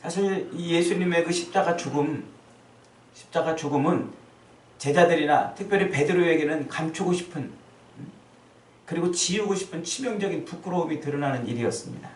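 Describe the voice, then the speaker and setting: A man preaching a sermon as pastor, acting out the quoted lines with sudden loud, high outbursts. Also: moderate pace, reverberant, distant mic, low-quality recording. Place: church sanctuary.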